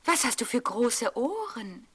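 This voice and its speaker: A woman's voice: a little high, very animated, measured pace, husky, pitched above the performer's own voice, full character voice. A woman voicing a trusting, innocent little girl in a fairy tale. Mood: wondering.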